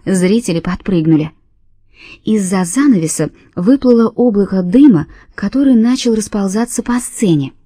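Woman reading a story, mellow voice. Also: mid-range voice, animated, normal speed, no room sound, studio quality. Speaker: audiobook narrator. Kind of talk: scripted first-person narration.

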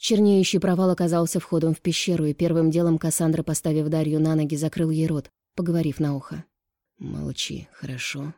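A woman narrating an audiobook in a calm, even reading voice. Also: deep voice, fast talker, hardly any pauses, dry recording, clean studio sound.

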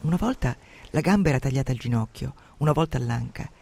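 A man hosting a radio program on literature, retelling and commenting on an adventure novel in a lively, dramatic way. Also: medium pitch, fast, vocal fry. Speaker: radio host presenting a novel.

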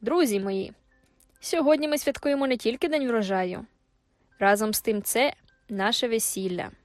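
Lady putting on a boastful young soldier guy, loud and slow, audiobook, dry sound. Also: on the high side, dry recording, soft background music, lightly acted.

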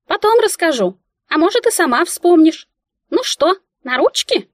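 A woman voicing a cheeky, theatrical little female mouse familiar with a squeaky voice in an audiobook. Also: big pitch swings, normal speed, dry recording, studio quality. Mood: coaxing. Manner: wheedling, theatrical, easily offended. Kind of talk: audiobook character voice.

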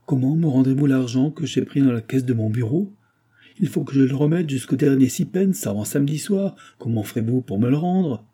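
A man voicing a desperate, bitter brewery clerk who talks hoarsely and accuses in near-hysterical outbursts. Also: medium pitch, steady tone, moderate pace, warm tone. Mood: frantic. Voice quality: hoarse, breathless.

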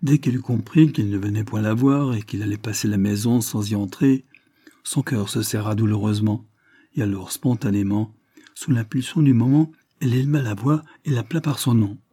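Male audiobook narrator, dark husky voice, steady telling, dry close sound. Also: on the low side, fairly quick, dry recording.

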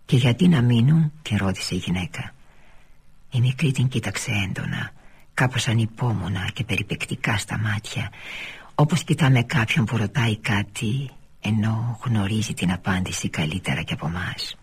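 Very husky man reading a novel. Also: lowish voice. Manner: measured, often sinking to a near-whisper. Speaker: reader. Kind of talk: literary novel read aloud on radio.

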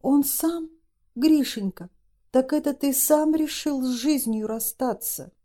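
Женщина в роли пожилой матери в панике. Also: female voice, on the high side, steady tone, a little slow, dark tone, lightly acted. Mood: alarmed. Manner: frantic, cries out. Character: older mother, shrill and panicking.

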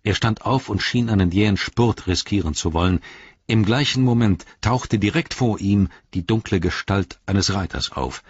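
A man reading an audiobook in a measured, steady storytelling manner, in a slightly dull studio recording. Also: lowish voice, breathy edge, no room sound. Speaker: audiobook narrator. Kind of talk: scripted audiobook narration.

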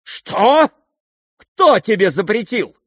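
A man voicing an irascible aristocratic older woman who scolds and shouts imperiously in an audiobook. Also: high voice, very animated, takes it slowly, no echo, studio quality, pitched above the performer's own voice, exaggerated voice. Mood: furious. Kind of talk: audiobook character voice.

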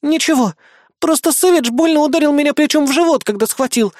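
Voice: high voice, brisk, darkish tone, no room sound, clean studio sound, pitched above the performer's own voice, natural voice. A reader putting on a squealing ditzy young woman. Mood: groaning. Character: excitable clumsy young woman, childish and giggly.

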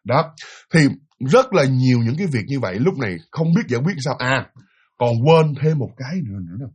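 A man telling a ghost story in an animated, chatty way, addressing his listeners directly. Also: medium pitch, a little fast, husky. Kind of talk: spoken ghost story narration.

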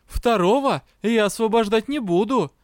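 A man voicing a hot-tempered male drow who shouts in outrage. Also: sits high, moderate pace, no room sound, clean studio sound, voice pushed up, lightly acted. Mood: stubborn. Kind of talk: audiobook reading.

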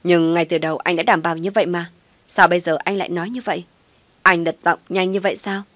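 A woman doing a young husband, frantic and demanding, in a low, dry voice. He pushes every question hard, sharp with worry, and the voice sits close and plain with no room around it. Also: fairly even intonation, fast, no echo, natural voice. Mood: angry. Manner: urgent, pressing.

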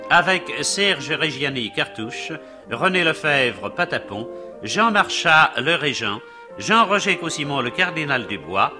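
Old radio serial announcer, lively man's voice. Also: fairly high pitch, unhurried. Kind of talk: old 1950s radio serial announcing, reading title and cast credits. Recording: 1950s radio broadcast recording. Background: music.

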